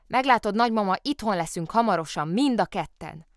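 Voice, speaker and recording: A woman's voice: medium pitch, lively intonation, no room sound, clean studio sound, pitched above the performer's own voice, natural voice. A woman voicing an earnest little girl who tries to sound stern, asking urgent, demanding questions. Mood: stern worried.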